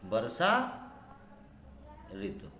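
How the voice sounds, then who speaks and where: Male teacher, grammar lesson, slow pointing explanations, lively rising and falling pitch, echoey room. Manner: explains slowly, repeating words and pointing at the board.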